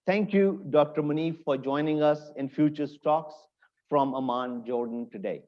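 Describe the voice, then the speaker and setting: A man's voice: on the high side, moderate pace, dull audio. A man hosting an interview, reading a formal introduction and asking questions with some hesitation. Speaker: interview host.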